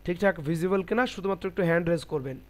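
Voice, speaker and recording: A man teaching a Quran reading class online, slowly and carefully demonstrating Arabic letter sounds with many repetitions. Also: sits high. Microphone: computer mic on a video call.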